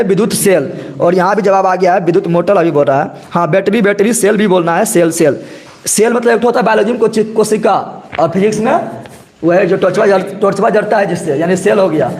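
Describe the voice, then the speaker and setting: High-voiced quiz teacher. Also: male voice, darkish tone. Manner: drawn-out slow question reading, frequent "ठीक है ना?". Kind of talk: live group discussion quiz class.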